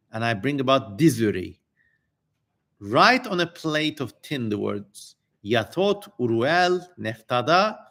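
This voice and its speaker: A streamer gives a dramatic live reading of an ancient text, hamming it up on the strange names and throwing in casual, irreverent, sweary asides. His voice is mid-range with a fairly bright tone.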